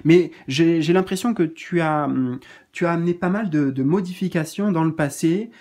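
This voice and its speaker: Gentle, hesitant man reading cards. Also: on the high side, normal speed. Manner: gentle and reassuring, hesitant with many fillers. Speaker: spiritual card reader. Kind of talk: casual spoken card reading.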